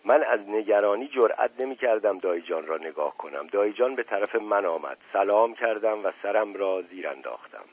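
A man narrating a novel in a measured storytelling manner, in an audiobook reading. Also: fairly low pitch, animated, breathy edge. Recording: narrow phone-like radio recording.

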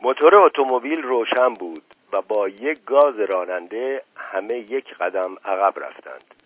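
A man reading a novel aloud on a radio program in a measured, expressive storytelling voice. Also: lowish voice, breathy edge, dry recording. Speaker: radio book reader. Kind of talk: literary audiobook reading. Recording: dull lo-fi radio recording.

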